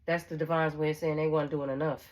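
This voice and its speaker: A woman with a notably low voice reads tarot in a loose, conversational way. She talks bluntly and swears without hesitation. She circles back over her own phrases and keeps checking in with her listener. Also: little pitch movement, fast, darkish tone. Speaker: tarot reader. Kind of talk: casual tarot reading to viewers.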